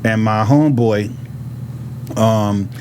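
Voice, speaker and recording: This podcast guest, a rapper from Harlem in New York City, has a lowish voice and takes his time. He tells casual stories in a New York accent, full of swearing and lively street slang, quoting dialogue, with slight background noise.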